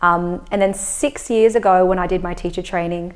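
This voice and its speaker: Спокойная австралийка лет тридцати с низковатым голосом. Она говорит размеренно и обстоятельно, как опытный преподаватель йоги. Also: female voice, on the low side. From Australia. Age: 30s. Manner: calm, measured, explanatory. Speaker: yoga teacher and breathwork facilitator. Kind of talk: casual interview chat.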